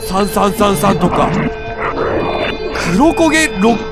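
Music plays beneath this man's high, expressive voice, which has vocal fry and moves slowly. Hosting a gaming video, he reacts live to horror content, sounding scared and jumpy and frequently repeating himself.

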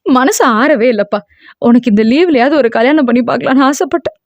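Woman doing a fretful middle-aged mother, high pleading voice, audio novel character, dull dry lo-fi recording. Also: sing-song, quick pace, darkish tone, no room sound. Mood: disappointed. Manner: pleading, distressed, scolding.

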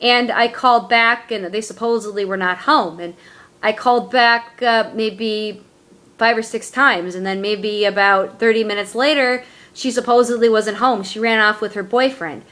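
A young adult woman telling a personal story in her vlog, earnest and halting, with many fillers. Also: a little high, fairly bright tone. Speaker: vlogger.

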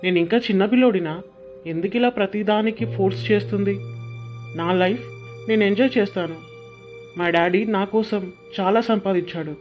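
A man's voice: sits high, fairly quick, a little mellow, faint music behind, natural voice. A young man playing a spoiled, selfish rich son who talks back rudely and dismissively, in an amateur short drama. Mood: sulking. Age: young adult. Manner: dismissive, rude, whiny.

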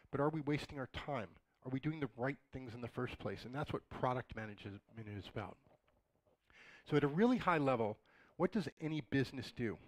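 A middle-aged conference speaker gives a relaxed, conversational lecture in a dark auditorium before a projected slide, tossing joking asides to the audience. His slightly raspy voice sits at an ordinary pitch. The recording is rough, dry, and close, with no echo.

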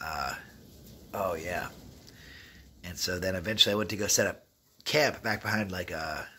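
In his thirties, this rough-voiced travel vlogger sits low in pitch and keeps a moderate pace as he tells rambling, streetwise stories straight to camera, acting out bits of dialogue in an animated way. He's inside an open derelict wooden shack, with a phone or camera held at arm's length.

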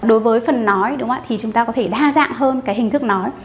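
A young woman teaches at a quick clip, her voice sitting a bit high. She explains things chattily and keeps checking in with her viewers. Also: a little hiss or hum. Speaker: English teacher and academic manager. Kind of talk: explanatory lesson talk.

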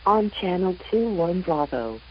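A woman reading a marine weather forecast in a measured, even announcer delivery over a VHF marine radio broadcast. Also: lowish voice, lo-fi sound, slight background noise.

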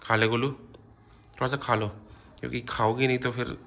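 Guy gently coaxing someone in a family vlog, normal pitch, noisy home video sound. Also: level tone, normal speed, creaky. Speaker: vlogger, parent.

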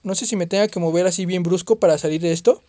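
A man's voice: sits high, fast talker, no room sound. Jumpy gamer man, dry sound. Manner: excitable, jumpy, swears and exclaims at scares. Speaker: gaming youtuber. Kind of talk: horror game let's play commentary.

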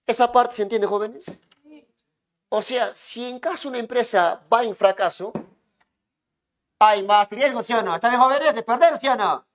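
A man lecturing a classroom as economics teacher, hushing students and repeating himself to make points stick. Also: very high-pitched, moderate pace, long pauses. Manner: keeps hushing and calling on students, repetitive.

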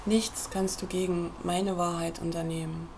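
A woman reading a book aloud at a computer, in a measured, earnest way, as if speaking straight to the listener. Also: on the low side, flat delivery, creaky, noisy background. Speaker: reader.

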